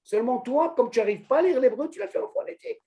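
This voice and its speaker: A man teaching an informal religious lesson to a small group, animated, asking questions and calling on a student by name. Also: very high voice, quick pace. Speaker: Torah teacher.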